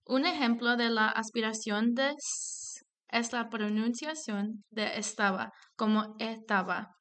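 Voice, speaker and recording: Young woman reading a lesson, higher voice. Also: fairly bright tone. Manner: careful explanatory reading, slows down on example words. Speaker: student presenter. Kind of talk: scripted educational narration.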